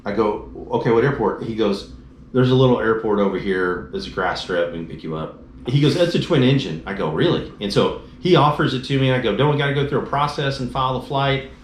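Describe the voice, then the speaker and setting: Speaking fairly quickly in a mid-range voice, this Dallas-Fort Worth man tells the story of crashing his motorcycle and getting home, relaxed and lively. He performs the quoted dialogue of the people involved, and the recording has an echoey, roomy sound with faint noise.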